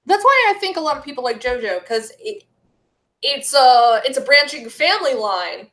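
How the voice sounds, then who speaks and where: A woman talks at length as a guest on a podcast. Her voice sits high, and she rambles on in a chatty, ranting way. The recording carries a noticeable room echo. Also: very animated, moderate pace, fairly bright tone. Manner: ranting, talkative. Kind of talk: casual chat. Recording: roomy echo.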